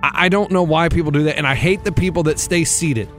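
A man with a high voice rants on a sports talk show. He lectures listeners with firm opinions, and soft music plays under him. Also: quick pace. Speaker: co-host. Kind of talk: casual sports radio chat.

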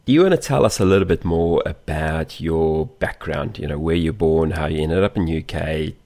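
A deep-voiced man hosts an interview podcast. He asks his questions in a relaxed, conversational way. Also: moderate pace. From Australia. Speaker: podcast host. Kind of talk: casual interview chat.

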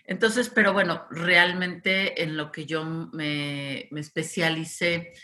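Speaking slowly in a deep, steady voice that sounds pushed and bright, this woman from Guadalajara directs a festival and is giving a virtual conference talk. Her Mexican Spanish is full of "este" and "eh" fillers.

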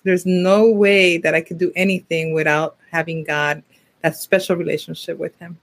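A woman in her fifties, a social worker and coach, talking as a podcast guest in a thoughtful, hesitant way with frequent pauses. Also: fairly low pitch, little pitch movement. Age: 50s. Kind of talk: conversational interview.

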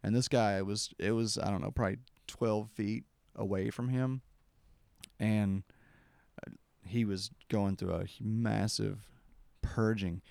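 Gravelly, deep-voiced male podcast host. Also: steady tone, a little slow, a little mellow, no room sound. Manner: rambling, with many restarts and acted-out quotes. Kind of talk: casual storytelling conversation.

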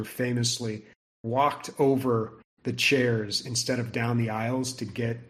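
A man co-hosting a casual podcast chat, rambling with lots of fillers. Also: mid-range voice. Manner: chatty, lots of likes and ums. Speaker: podcast co-host.

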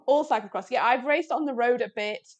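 A woman's voice: on the high side, fairly quick, highs cut off. A woman being interviewed, talking casually with many restarts and frequent laughs. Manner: chatty, self-deprecating, laughs often, many restarts. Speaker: guest, cyclist.

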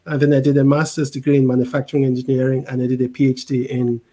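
Warm-toned man with a mixed international accent. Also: mid-range voice, completely flat delivery, fast talker. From Cameroon. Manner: explanatory, repeats words, frequent "right?" tag questions. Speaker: interview guest, tech executive. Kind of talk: conversational explanation.

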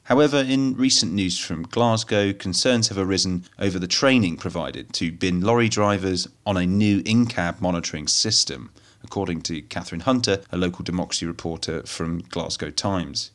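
Guy reading tech news off a script, low voice, steady even cadence. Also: moderate pace. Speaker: host of a technology news roundup.

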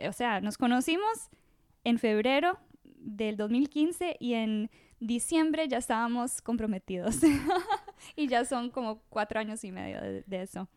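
Smooth, bright-pitched woman. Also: dry recording, clean studio sound. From Costa Rica. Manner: chatty, with frequent restarts and fillers. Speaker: podcast guest. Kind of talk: casual interview storytelling.

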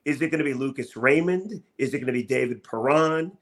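A man hosts a sports podcast in a brisk, medium-pitched voice. He talks and asks questions with enthusiastic emphasis, keeping the sports chat and interviewing upbeat.

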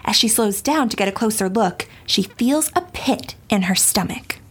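A woman's voice: medium pitch, animated, normal speed, a bit bright, breathy edge. Wry narrator, a gossipy small-town journalist, voiced by a woman. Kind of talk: scripted comedic narration.

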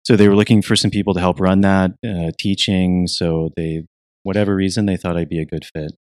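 Young American man, very low voice, dry sound, soft-spoken interviewee. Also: level tone, a little fast, dry recording. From United States (Virginia). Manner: soft-spoken, thoughtful, frequent restarts and fillers. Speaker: interviewee, retreat program teacher. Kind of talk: reflective interview answers.

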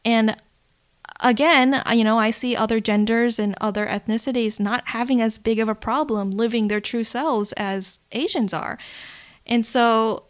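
In a fairly high, steady voice, a podcast host opens her show alone, speaking bluntly and candidly and cursing without restraint. Her fast talk is peppered with "you know" and "like".

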